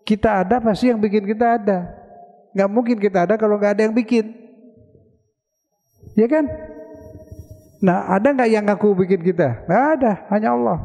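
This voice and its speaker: A man's voice: sits high, normal speed, pauses often, dark tone, faint music behind. A man from Indonesia giving a conversational sermon in a mosque, asking his listeners questions and answering them himself. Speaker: preacher. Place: large mosque hall. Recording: dull lo-fi recording with long hall reverb.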